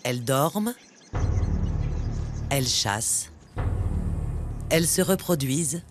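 A man reads scripted nature documentary narration in a measured, dramatic storytelling way. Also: mid-range voice, animated. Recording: music bed under the narration. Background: background music, animal sounds.

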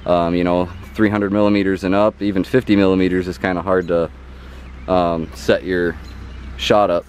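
A low-voiced man explains his homemade astrophotography mount during a relaxed outdoor demonstration in a yard. His tone is level and his pace normal, and he says "okay?" often and uses ums to fill gaps. A little background noise is audible.

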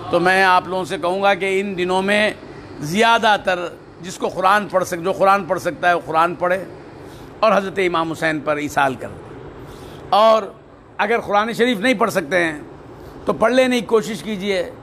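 A man's voice: sits high, moderate pace, fairly bright tone, a little hiss or hum. A man delivering a sermon as a preacher. He asks rhetorical questions, answers them himself and recites Arabic verses. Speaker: Sufi preacher.

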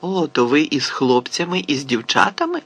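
Man doing a teasing woman warden, lively pitch, audiobook. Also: unhurried, slightly rough, exaggerated voice. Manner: teasing, mock-surprised. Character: teasing female prison warden.

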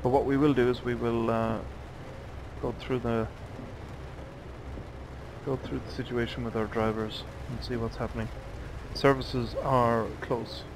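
A man's voice: medium pitch, level tone, a little slow, noisy background. A tired man casually commenting on his own truck driving game, musing aloud to himself. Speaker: let's play gamer. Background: truck driving game sounds.

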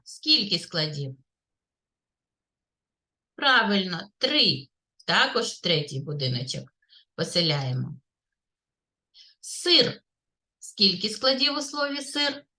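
Kindergarten teacher, woman, Ukrainian accent, slow sing-song delivery, bright tone. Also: fairly low pitch, very animated. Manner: slow, clear, sing-song teacher talk, praising often. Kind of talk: literacy lesson for young children. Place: kindergarten classroom.

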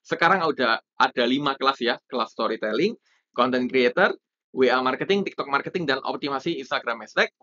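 A man teaching copywriting in a casual explanatory way, with lively emphasis on key points. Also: mid-range voice, a little fast, dull audio. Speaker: copywriting instructor.

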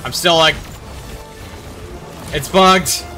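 A man chats through a video game in a high, piercingly bright voice. He is excitable and theatrical, throwing out exclamations as he plays. Game music runs faintly behind him. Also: extremely slow. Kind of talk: excited casual gaming chat.

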